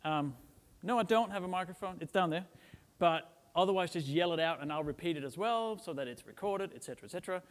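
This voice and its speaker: A man's voice: sits high, animated, fast talker. A middle-aged man from Denmark giving a casual, joking conference talk to a live audience, often tagging "right?" onto his points. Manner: chatty and joking, with frequent "right?" tags and "um" fillers. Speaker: conference speaker. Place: large conference hall. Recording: reverberant conference hall.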